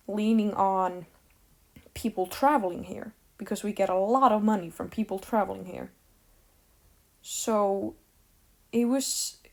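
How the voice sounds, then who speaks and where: Slow, mellow teenage girl from Iceland. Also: mid-range voice. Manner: rambling, sarcastic, with frequent fillers. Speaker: vlogger. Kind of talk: casual rant to camera.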